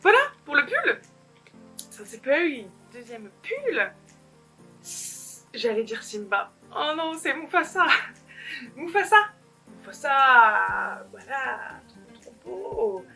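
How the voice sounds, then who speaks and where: A woman's voice: sits high, very animated, takes it slowly, gravelly, pauses often, bright, forceful tone, soft background music. A young woman vlogger talking alone to the camera in a casual haul video, giggly and rambling, poking fun at herself. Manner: giggly, rambling, self-mocking. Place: alone at home.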